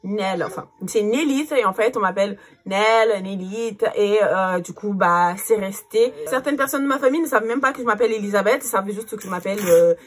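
A woman's voice: medium pitch, a little fast, hardly any pauses. A woman in her thirties with a Cape Verdean Portuguese accent, chatting casually to the camera as a vlogger, with lots of fillers. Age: 30s. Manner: chatty, many fillers, distracted by her child.

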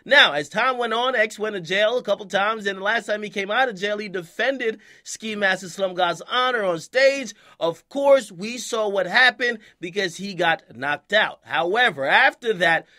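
Young male online commentator; high, piercing voice; slangy, animated, keeps checking in with "okay?". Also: moderate pace, hardly any pauses. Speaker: hip-hop news commentator. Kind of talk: casual commentary to camera.

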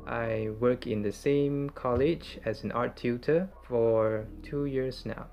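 A man in his twenties from Malaysia, an art tutor, speaking calmly to camera. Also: medium pitch, takes it slowly, faint music behind. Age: 20s. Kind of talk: direct-to-camera interview answers. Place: indoor room, plain wall.

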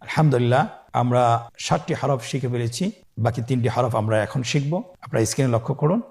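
A man from Bangladesh teaching the Quran in a recorded lesson, patient and instructive, stretching each letter name long and loud so listeners can repeat it. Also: mid-range voice, fast, creaky.

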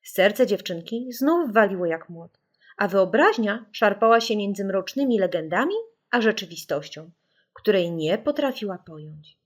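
A woman reads a children's audiobook in an expressive, scripted storytelling style, her mid-range voice moving at a normal speed. Music plays in the background.

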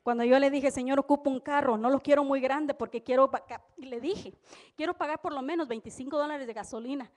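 A woman preaching at a church service, telling lively personal stories with frequent exclamations of praise. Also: high voice, fairly quick. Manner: animated storytelling, exclamations of praise. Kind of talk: live church preaching with anecdotes.

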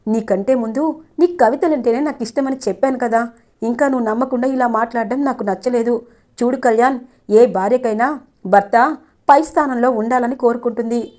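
A woman voicing a sharp-tongued, scheming young wife who taunts and coaxes her husband. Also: a little high, close to an everyday voice. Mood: coaxing. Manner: taunting, then coaxing.

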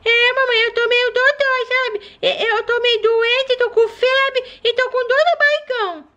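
A woman's voice: very high voice, steady tone, measured pace, pushed and bright, highs cut off, voice pushed up, full character voice. A woman voicing a sick, clingy little baby girl, cooing and whining in a doll play video. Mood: sickly whiny. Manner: babyish lisping coos and suckling hums.

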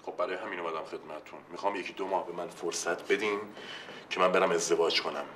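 A deep, flat, gruff airport manager. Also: male voice, echoey room. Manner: blunt and demanding. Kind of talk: sitcom acting. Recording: distant mic with room noise.

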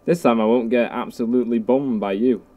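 A man's voice: medium pitch, a little fast. A young man giving casual, jokey commentary while playing a game, often talking to enemies. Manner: jokey, excitable, talks to enemies. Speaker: gameplay commentator. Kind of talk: casual let's play commentary.

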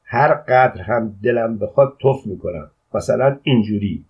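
A man's voice: fairly low pitch, breathy edge. A man reading an audiobook voices a rude male visitor who answers back with insolent outrage. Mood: indignant. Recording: dull lo-fi audio.

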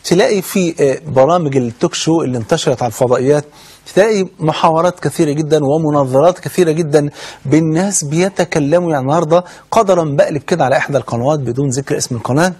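Egyptian male preacher, husky voice, very fast fervent sermon delivery. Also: fairly high pitch, darkish tone. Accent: Egyptian Arabic. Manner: fervent, with rhetorical questions and oaths.

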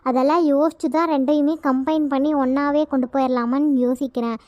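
A woman's voice: sits high, fairly even intonation, brisk, darkish tone, no echo. A young woman, a cartoon creator, giving viewers a chatty, apologetic update. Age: young adult. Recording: dull lo-fi sound.

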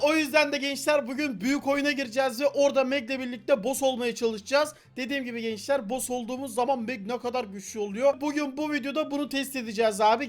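A young man giving loud, slangy, playful gameplay commentary as a gaming channel host, shouting at his teammates. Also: very high voice. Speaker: gaming YouTuber.

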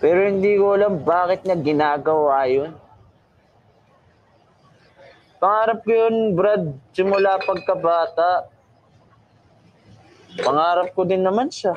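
A man's voice: medium pitch, steady tone, moderate pace, pauses often, highs cut off, natural voice. A young man with a Filipino accent playing a heartbroken, pleading, drunk boyfriend in a naturalistic film drama, outdoors at night. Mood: drunken heartache. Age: young adult. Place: open-air bar at night. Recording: noisy outdoor night ambience.

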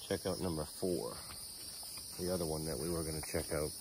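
A man chatting in a relaxed, easygoing way in a casual camping vlog outdoors. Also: extremely low pitch, fairly quick, noisy background. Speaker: vlogger. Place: wooded campsite outdoors.

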